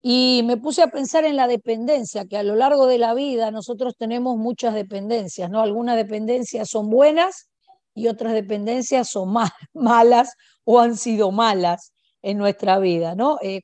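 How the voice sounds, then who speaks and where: Older Argentinian woman preacher, somewhat high voice, dry recording, casual conversational sermon with tag questions. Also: moderate pace, darkish tone, no room sound. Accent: Argentinian Spanish. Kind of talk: informal sermon.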